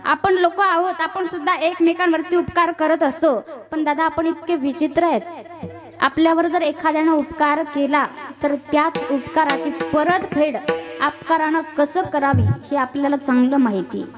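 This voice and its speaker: A woman's voice: high voice, fairly even intonation, moderate pace, faint music behind. A young woman preaching a devotional kirtan sermon, telling a humorous folk story to the audience. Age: young adult. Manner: sings devotional verses, then tells a humorous folk story acting out characters' shouts.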